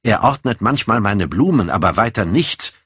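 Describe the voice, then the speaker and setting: A man's voice: fairly low pitch, lively intonation, normal speed, fairly bright tone, slightly rough, no echo, clean studio sound. A man reading an audiobook, voicing a proud, secretive and volatile young man in a raised voice. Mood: evasive.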